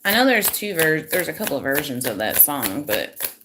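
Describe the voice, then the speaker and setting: Chatty woman tarot reader, hoarse voice. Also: low voice, very animated, normal speed, noisy background. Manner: chatty, self-deprecating, talks to viewers. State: losing her voice, a bit hoarse. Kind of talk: casual live-stream tarot reading. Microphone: phone.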